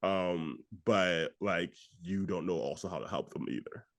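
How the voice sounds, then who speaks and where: A man's voice: deep voice, unhurried. A young man co-hosting a podcast, retelling a film scene in a rambling casual way, leaning on "like" constantly. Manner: rambling, heavy use of "like", animated retelling. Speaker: podcast co-host.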